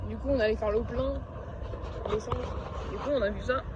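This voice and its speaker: A man giving excited commentary while spotting cars on a city street, gushing and stumbling over his words. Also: high-pitched, a little fast. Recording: dull lo-fi phone audio with loud street noise.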